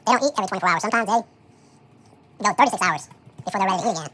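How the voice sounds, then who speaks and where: Sped up to a high, quick chipmunk pitch, a laid-back home cook narrates making dog food. The tone is bright and casual, full of "um" and "so" as the cook thinks out loud through the task.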